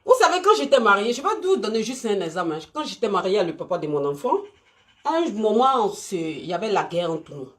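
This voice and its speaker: A woman's voice: mid-range voice, fast. A woman talks live to her viewers, emphatic and repetitive. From Côte d'Ivoire. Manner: animated, emphatic and repetitive, talking straight to viewers. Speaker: live stream host. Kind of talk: unscripted live stream talk.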